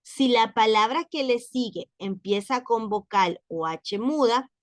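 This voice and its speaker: A woman teaching French pronunciation in an online lesson, slowly repeating each example word. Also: a little high, dry recording. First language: Spanish.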